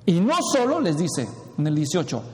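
A man's voice: a little high, big pitch swings, moderate pace, darkish tone. A man preaching a sermon as a pastor, asking the congregation questions and shifting his pace as he goes. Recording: echoey hall with long reverb.

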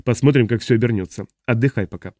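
A man's voice: mid-range voice, quick pace, dark tone, no echo, studio quality, lightly acted. A man voicing a stubborn, guarded traveler who refuses to give answers. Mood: defiant.

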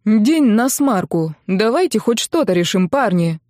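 A woman's voice: mid-range voice, big pitch swings, measured pace, a little mellow, no room sound. Woman reading a young male rock musician, cheeky, snappy, teasing, dry audiobook sound.

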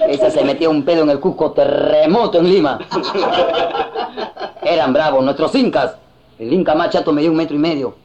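A stand-up comedian with a Peruvian Spanish accent works a live show, his slangy routine punctuated by mocking impressions and long pauses. His voice runs a little high and a little quick. The lo-fi recording sounds dull, with a band and a loud, laughing crowd around him.

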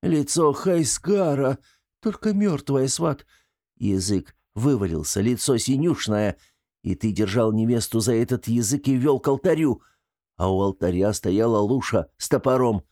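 A man's voice: fairly low pitch, moderate pace, warm tone, no echo, clean studio sound, natural voice. A man voicing a young man in an audiobook, teasing and dramatic. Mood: spooky teasing.

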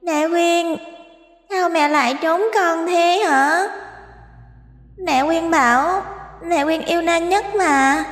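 An echoing ghost-child girl, very high and slow. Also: a bit bright, soft background music, exaggerated voice. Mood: creepy sing-song. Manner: sing-song, creepy, coaxing then accusing. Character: vengeful ghost girl, small child, hungry and menacing. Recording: echoey with long reverb.

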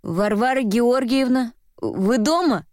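A woman's voice: a little high, slow, a little mellow, dry recording, clean studio sound. A woman reading a story aloud voices a timid, clumsy, polite young male courier who speaks hesitantly and keeps apologizing.

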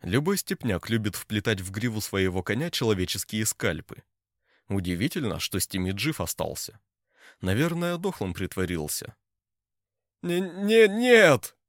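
A man narrating an audiobook with an expressive delivery. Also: fairly low pitch, normal speed, no echo, clean studio sound. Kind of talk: scripted narration.

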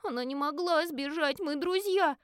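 A woman's voice: normal speed, no room sound, clean studio sound, close to an everyday voice. Woman doing a wailing tearful little girl. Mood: tearful pleading. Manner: wailing, high and drawn out.

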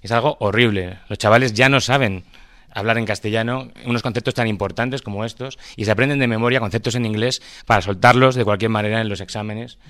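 A schoolteacher from Madrid, Spain, speaks with a Madrid Spanish accent in an impromptu speech at a public debate. His voice is on the low side, steady and fairly bright, and he talks fast, hesitating and searching for words while tossing in frequent tag questions. The recording is dry and of studio quality.

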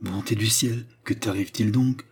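A man's voice: lowish voice, steady tone, normal speed, husky. A man reading a protective young brother who urges his sister to keep her voice down. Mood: hushed. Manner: hushed, cautious.

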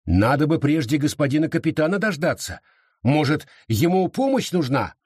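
A man doing a gruff, reluctant colonial guard, husky voice, dry close sound, storybook reading. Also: a little high, very animated, normal speed, a little mellow, no echo.

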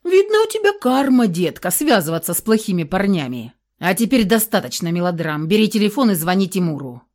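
A woman voicing a cruel, scheming husband in an audiobook, who shouts insults and then turns cold and sneering. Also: mid-range voice, sing-song, a little fast. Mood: menacing. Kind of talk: audiobook character reading.

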